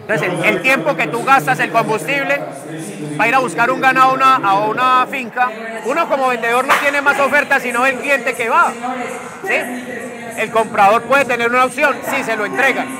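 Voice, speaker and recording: Very high-pitched Colombian man, colloquial and persuasive. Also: steady tone, a little fast. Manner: colloquial, persuasive, asks rhetorical questions. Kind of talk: casual interview talk. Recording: loud music and crowd noise behind. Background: loud music, crowd.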